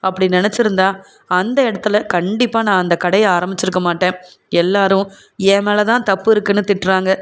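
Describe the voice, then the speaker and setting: A man's voice: high-pitched, smooth, close to an everyday voice. Male narrator as desperate mother pleading; plain read, light tone. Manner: tearful, pleading. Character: distressed middle-aged mother pleading for help.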